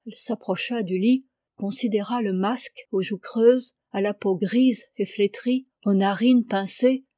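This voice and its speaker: A woman narrating a classic novel as an audiobook reader, in a calm, even, literary reading close to the mic. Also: mid-range voice, a little slow, dry recording.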